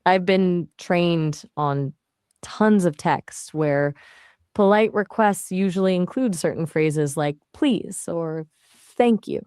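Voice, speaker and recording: A synthetic woman's voice of an AI assistant, answering questions in a relaxed, chatty way with casual fillers. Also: fairly low pitch, slow pace, clear, resonant tone, no room sound, clean studio sound.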